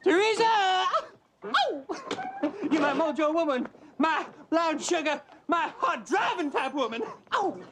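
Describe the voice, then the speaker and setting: A man's voice: extremely high pitch, lively intonation, unhurried, pauses often, noisy background, heavily acted. An actor playing a pushy, flirtatious male store clerk in a TV comedy sketch. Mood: flirting. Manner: cocky, persistent come-ons with a goofy laugh.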